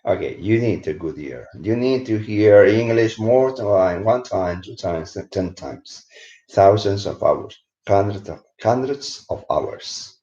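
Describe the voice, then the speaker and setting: A man with a Spanish accent talks slowly through a live-streamed English lesson, his voice low and mellow. He keeps checking in with his viewers as he goes. The sound is dull and lo-fi and echoes around the room. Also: lively intonation. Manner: switches between English and Spanish, keeps asking "¿vale?". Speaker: English teacher. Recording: roomy, dull lo-fi stream audio.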